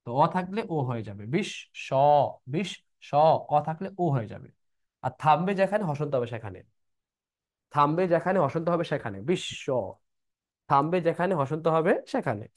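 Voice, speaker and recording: Male tutor, pitched a bit high, drills rules over and over in a prep class. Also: lively intonation, fast. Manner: repeats rules, checks if students are clear. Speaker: teacher. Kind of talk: online admission-prep lesson.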